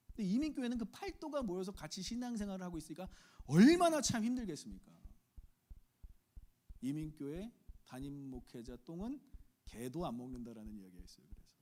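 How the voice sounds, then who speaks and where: Middle-aged male pastor, Chungcheong accent, lively sermon style, swings his pitch, mimics voices. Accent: Chungcheong Korean. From Korea. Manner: animated preaching, acts out quoted voices, rhetorical questions to congregation.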